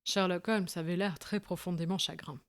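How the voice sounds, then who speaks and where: A woman narrating a classic detective story in a steady, clear storytelling manner. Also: fairly low pitch, normal speed. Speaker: audiobook narrator. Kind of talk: scripted narration.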